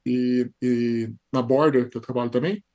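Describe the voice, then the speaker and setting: A man from Brazil with a São Paulo Portuguese accent, a podcast guest telling stories in a lively casual way with frequent tag questions. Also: mid-range voice, moderate pace, highs cut off. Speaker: podcast guest, high school teacher. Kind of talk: casual interview storytelling.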